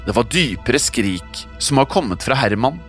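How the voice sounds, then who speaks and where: A man narrating a scary story in the first person, in a measured, suspenseful scripted telling. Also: medium pitch, animated, fairly bright tone, soft background music. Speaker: podcast narrator.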